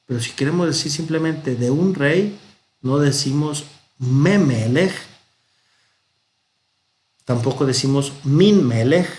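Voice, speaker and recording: A man with a Mexican Spanish accent leads a grammar lesson at an unhurried, deliberate pace. He explains each rule step by step and pronounces the example words with care. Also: mid-range voice, darkish tone. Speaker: Hebrew teacher.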